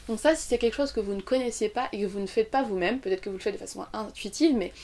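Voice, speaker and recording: A young French woman teaching English pronunciation in an online lesson, explaining clearly and saying example words slowly. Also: mid-range voice, a little mellow.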